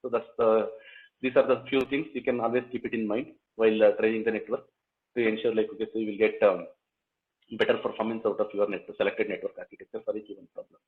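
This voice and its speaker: A man with a South Indian accent giving a technical lecture, explaining step by step in a halting way with frequent filler tags. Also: on the low side, flat delivery. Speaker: lecturer, research scientist. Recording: slightly dull, lo-fi lecture audio.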